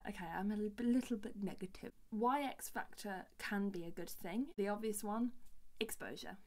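A young woman, a singer-songwriter, ranting in a vlog, animated and exasperated, with her voice leaping up on outbursts. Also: mid-range voice, normal speed.

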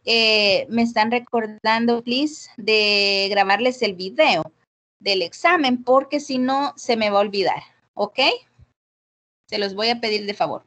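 A woman's voice: medium pitch, measured pace, a bit bright. A woman with a Salvadoran Spanish accent teaching an English class over a video call, switching between Spanish and English and questioning students. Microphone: computer mic on a video call.

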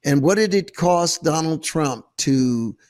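A man's voice: fairly high pitch, animated, takes it slowly, darkish tone. A man hosting a political talk show, speaking emphatically and sarcastically with open disbelief. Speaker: show host, preacher. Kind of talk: casual political commentary.

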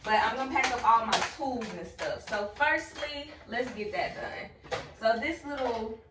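Excited woman vlogging. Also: on the high side, unhurried, heavy background noise. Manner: excited and chatty, uses "y'all". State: out of breath. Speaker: lash artist and vlogger. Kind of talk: casual vlog to camera. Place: lash room in a house.

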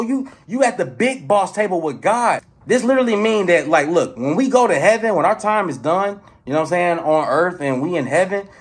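Excitable man vlogger, husky and high-pitched, preaches and swears at viewers. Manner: profane, preachy, addresses viewers directly; excitable, jumps between loud outbursts and low murmurs. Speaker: spiritual motivational vlogger. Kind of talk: casual motivational rant.

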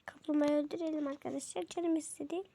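A man faking a high girly gamer voice. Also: fast talker, vocal fry. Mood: playful. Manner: excitable, cursing at the game and chatting to viewers. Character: girly female voice put on by a male gamer. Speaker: gaming streamer. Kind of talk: casual gameplay commentary.

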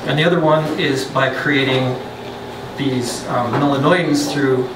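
A brewer gives a chatty science talk to a pub crowd, with joking asides and frequent restarts. His voice is medium-pitched, steady, and a little slow, captured off-mic in a roomy space with loud background noise.

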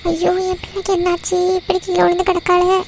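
A frantic village mother in a cartoon, played by a woman, with a very high voice that hardly moves up or down. She calls out and pleads loudly. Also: monotone, fast, background noise. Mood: alarmed. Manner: calling out, pleading. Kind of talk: cartoon voice acting.

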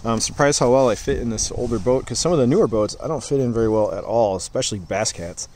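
A man giving a relaxed, rambling walkthrough tour of his boat outdoors, talking with many fillers into a handheld camera. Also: medium pitch, fast, slight background noise. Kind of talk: casual walkthrough vlog.

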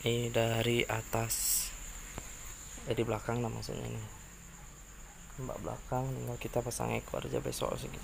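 A man casually showing his finished kite in a relaxed, slow vlog chat. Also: mid-range voice, vocal fry, background noise. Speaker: kite maker. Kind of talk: casual vlog show-and-tell.

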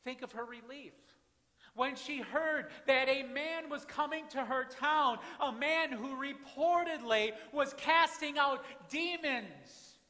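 Male pastor, slow and dramatic from hush to loud, reverberant sanctuary. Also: very high-pitched. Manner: dramatic preaching, swings from hushed to loud. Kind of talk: sermon. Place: church sanctuary with congregation. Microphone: far camera at back of church. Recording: reverberant church from far off.

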